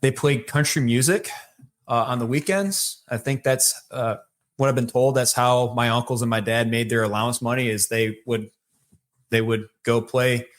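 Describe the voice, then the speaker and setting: A man with a Michigan accent, a podcast guest telling his life story in a relaxed, rambling way with many fillers. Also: mid-range voice, normal speed. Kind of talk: casual storytelling conversation.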